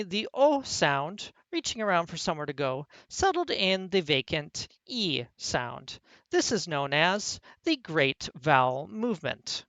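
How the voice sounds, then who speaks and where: A speaker delivering a scripted parody lecture as a mock college professor, in a deadpan, mock-serious manner. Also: mid-range voice, dry recording.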